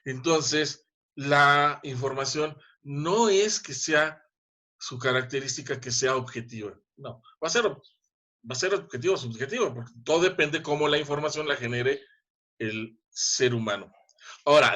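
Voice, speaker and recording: A man's voice: mid-range voice, pushed and bright. A middle-aged man with a Mexican Spanish accent giving a university class over a video call, conversational and emphatic, often asking rhetorical questions. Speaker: university lecturer. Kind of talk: online class lecture.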